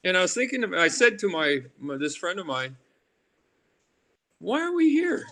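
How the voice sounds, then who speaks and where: Sitting high with huge pitch swings, this older Alaskan man's voice sounds pushed and bright. He's an artist and carver being interviewed, reminiscing casually while halting, rambling, restarting and wandering off on tangents, with noticeable background noise throughout.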